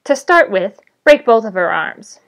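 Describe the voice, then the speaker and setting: A woman voicing a cruel, mocking male goblin leader with a raspy voice, read aloud from a novel. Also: a little high, sing-song, a little slow, heavily acted. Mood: menacing. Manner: sneering, menacing commands.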